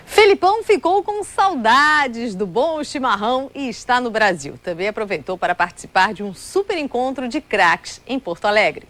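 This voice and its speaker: A woman from Brazil presenting sports news in a lively, playful way, sometimes drawing words out. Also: on the high side, normal speed, few pauses.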